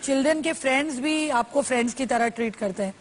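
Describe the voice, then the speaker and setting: A woman's voice: high voice, quick pace, slight background noise. A woman hosting a talk show interview, playful and probing, mixing Hindi and English. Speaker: host.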